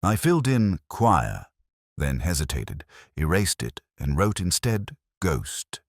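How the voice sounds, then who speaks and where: A man playing a brooding, world-weary, erudite police inspector who narrates a detective story in a measured, literary, reflective manner. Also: low-pitched, sing-song, no echo, studio quality, heavily acted. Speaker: narrator in character.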